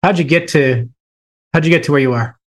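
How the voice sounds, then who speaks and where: Higher-voiced male podcast host. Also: fairly quick. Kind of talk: scripted intro then interview.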